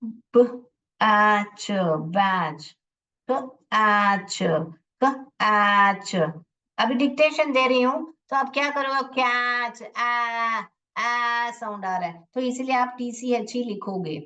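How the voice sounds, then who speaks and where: A woman's voice: fairly high pitch, extremely slow, sharp tone, dull audio. A woman teaching an online phonics lesson, sounding out words syllable by syllable and patiently asking her class questions. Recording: voice a little distant from the mic.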